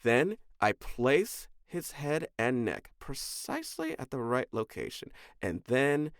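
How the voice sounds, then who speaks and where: A man with a mid-range voice whose pitch swings widely as he spins a story with gleeful deadpan. He co-hosts a casual podcast. The recording is close and dry, with no room sound. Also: a little slow, no echo. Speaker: podcast co-host. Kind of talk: casual chat.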